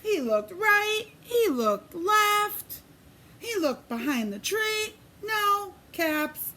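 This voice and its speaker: Reading a picture book to small children, this woman teacher speaks in a very high, lilting, expressive voice and breaks off to ask them questions.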